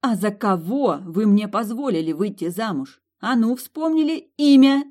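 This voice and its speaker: Brief: woman voicing angry young heroine, loud and commanding, pitched up. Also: normal speed, natural voice. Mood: furious. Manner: shouting, commanding like a general. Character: furious young woman, sharp and indignant.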